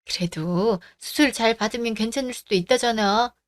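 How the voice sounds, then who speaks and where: A woman's voice: a little high, moderate pace, close to an everyday voice. A woman playing a caring grown daughter in a radio drama, insistent and worried about her mother. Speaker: daughter and wife.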